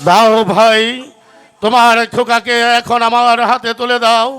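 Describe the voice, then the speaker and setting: A big-hearted bandit chieftain in Bengali village jatra. He declaims solemnly in a very high, ringing, bright voice. Faint music runs underneath. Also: monotone, unhurried, clear, resonant tone. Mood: solemn vowing.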